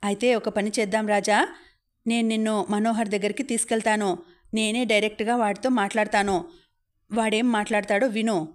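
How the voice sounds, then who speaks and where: Give me a woman voicing a sly, taunting young man from an audiobook, in a steady, level voice. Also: mid-range voice, a little fast, lightly acted. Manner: mocking, needling.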